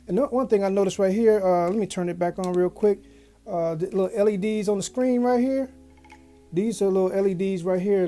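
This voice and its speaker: A woman with a low, dark-toned voice hosts a laid-back unboxing video from a small home office studio. She reviews the product with folksy slang and keeps circling back to the same phrases.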